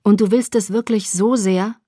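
A woman voicing a brooding young man who is cold and sorrowful, speaking low and hushed, at times in a whisper. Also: steady tone, moderate pace, husky, dry recording, clean studio sound, natural voice. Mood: grave.

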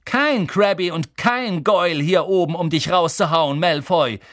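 A man's voice: a little high, a little slow, fairly bright tone, pitched above the performer's own voice. A man voicing Harry Potter, a brave schoolboy who speaks firmly and defiantly. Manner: firm, defiant. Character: brave defiant boy hero.

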